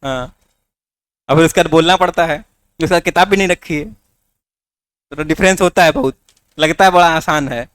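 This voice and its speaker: A man's voice: a little high, moderate pace, long pauses, a bit bright, clean tone, no room sound, studio quality. A man teaching a class with a north Indian Hindi accent, coaxing students with rhetorical questions. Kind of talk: classroom lecture.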